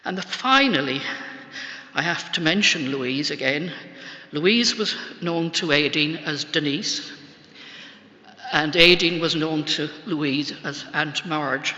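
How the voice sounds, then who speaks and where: An older Irish woman giving a funeral eulogy of thanks, tender and faltering, with halting pauses. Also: low voice, sharp tone. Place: large church, speaking to a congregation. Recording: muffled, echoey church hall reverb.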